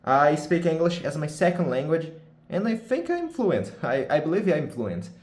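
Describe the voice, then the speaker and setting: A young Brazilian vlogger whose first language is Portuguese chats casually and unscripted in English with a Brazilian accent, often restarting and searching for words. His voice is on the high side, very animated, moderately paced, and darkish, in a reverberant space.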